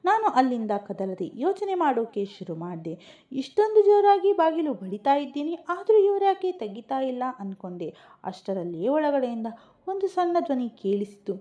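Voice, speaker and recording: A woman narrating a suspense story in the first person, with a steady, dramatic reading. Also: sits high, moderate pace. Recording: muffled lo-fi recording.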